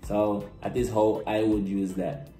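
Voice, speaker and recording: A man's voice: on the low side, level tone, measured pace, dark tone, faint music behind. A young man with a Nicaraguan Creole accent, explaining things casually and conversationally with everyday examples. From Bluefields, Nicaragua. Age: young adult. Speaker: presenter explaining Creole slang. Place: small plain room indoors. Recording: roomy echo, camera mic.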